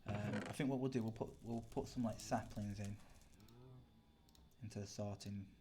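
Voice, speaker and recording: Young British streamer, low-pitched, rambling casual chat with viewers. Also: male voice, fairly even intonation, normal speed, dark tone. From Britain. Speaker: livestreamer. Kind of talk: casual chat while gaming live.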